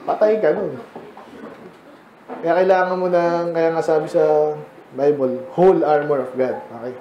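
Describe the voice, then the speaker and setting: A man's voice: a little high, fairly even intonation, a little slow, reverberant, muffled recording, slight background noise. A man with a Filipino accent preaching a sermon in a church, in a casual, joking style with frequent asides. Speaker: pastor.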